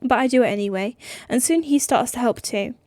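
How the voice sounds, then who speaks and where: A woman's voice: a little high, a little fast, a little mellow, no room sound, clean studio sound. A young woman with a slight lisp giving an amateur audiobook reading, stumbling over words and restarting phrases. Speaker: audiobook reader.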